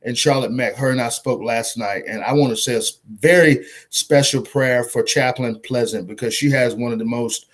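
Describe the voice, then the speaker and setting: A man's voice: medium pitch, moderate pace, hardly any pauses. A man hosting a podcast, speaking fervently and emphatically, closing with a preacher-like prayer. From North Carolina. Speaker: podcast host.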